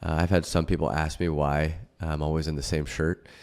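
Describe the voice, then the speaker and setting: A man's voice: extremely low pitch, flat delivery, fairly quick, darkish tone, clean tone. A young man, a financial advisor, casually reacting to a clip with many fillers. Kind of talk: reaction video commentary.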